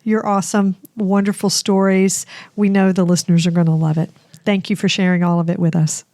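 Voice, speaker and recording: A woman's voice: fairly low pitch, steady tone, quick pace, mellow. A woman co-hosting a podcast, effusive and talking straight to listeners, her voice congested after crying. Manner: effusive, addressing listeners directly. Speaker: podcast co-host. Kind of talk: conversational hosting.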